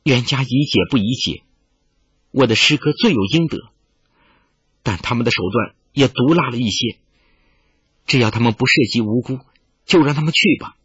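A man voicing a soft-spoken middle-aged swordswoman who pleads quietly, in an audiobook reading on a dull lo-fi recording. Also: medium pitch, normal speed, long pauses, breathy edge, dry recording.

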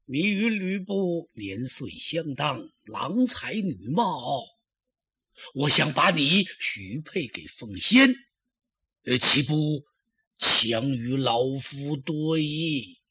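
A blustering old chancellor who drawls slowly and coaxes with gruff, husky tones. He is lecherous and used to power, as a man telling a traditional story puts him on. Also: fairly high pitch, very animated, bright, forceful tone, heavily acted. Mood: coaxing.

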